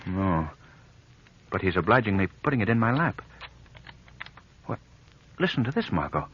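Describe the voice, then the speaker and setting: An actor playing a mysterious, commanding crime-fighter in a theatrical 1940s radio mystery style, precise and menacing. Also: male voice, fairly low pitch, big pitch swings, moderate pace, slight background noise. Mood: puzzled, tense. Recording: dull old-time radio recording.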